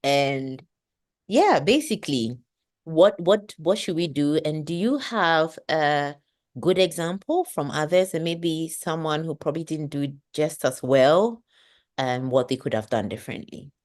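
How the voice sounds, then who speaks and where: A woman hosting an interview, affirming her guest warmly and repeating "lovely, lovely.". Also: sits low, expressive, a little slow. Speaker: podcast host, interviewer. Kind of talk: casual interview chat.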